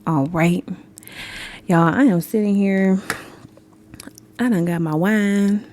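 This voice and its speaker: A woman's voice: mid-range voice, slow pace, darkish tone, a little hiss or hum. A young adult woman hosting a podcast in casual chat, candid and swearing freely, laughing often and talking straight to listeners. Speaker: podcast host.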